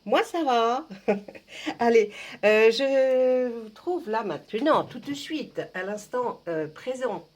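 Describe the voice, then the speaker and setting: A woman's voice: on the high side, animated, takes it slowly. A woman reading tarot cards for her viewers, chatting casually, joking and talking to herself as she shuffles. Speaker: tarot card reader.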